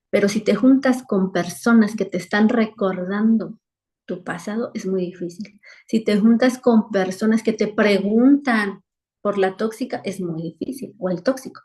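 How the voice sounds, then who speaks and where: A woman's voice: mid-range voice, mellow. A woman teaching a weekly Bible lesson over a video call, earnest and repeating phrases for emphasis.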